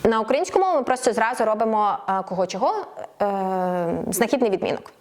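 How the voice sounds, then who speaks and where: Woman teaching Spanish slowly. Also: mid-range voice, animated, a little mellow. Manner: explains clearly, slows right down for example phrases. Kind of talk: online language lesson.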